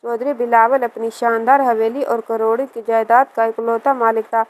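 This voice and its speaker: A woman narrates a scripted first-person story in a steady, even manner. Her voice sits somewhat high, and she keeps one reading pace throughout. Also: a little hiss or hum, poor audio.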